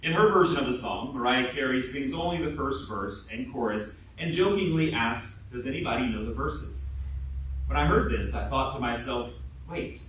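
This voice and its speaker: A man delivers a reflective sermon in a measured, storytelling way, with a touch of self-deprecating humor. His voice fills a big echoey hall, picked up from some distance away with faint room hum behind. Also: mid-range voice, lively intonation, a bit bright. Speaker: lay speaker. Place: worship hall. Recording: echoey hall, far mic.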